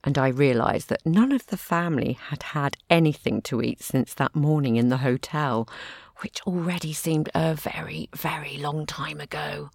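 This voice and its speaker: A woman's voice: low voice, normal speed, vocal fry, a little mellow, slightly rough, dry recording, heavily acted. A woman narrating an audio drama in the first person with a dry, self-deprecating wit. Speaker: narrator and lead character.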